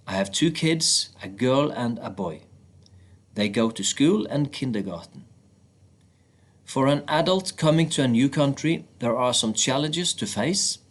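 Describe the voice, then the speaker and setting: A man reading first-person passages aloud from a book in a steady, plain manner. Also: medium pitch.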